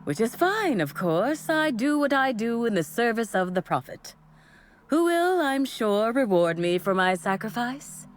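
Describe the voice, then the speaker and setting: A woman voicing a devoted female cult assistant in a game, giving a chipper pitch that sags into tired resignation. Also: very animated, unhurried. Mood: weary. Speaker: voiced game character.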